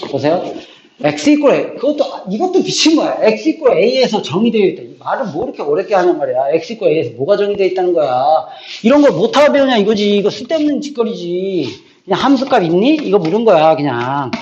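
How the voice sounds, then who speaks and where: A man teaching high school math in a classroom, bluntly ranting and quizzing students with repeated prompts. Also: darkish tone, a little hiss or hum. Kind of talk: classroom lecture. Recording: echoey classroom, dull lo-fi sound.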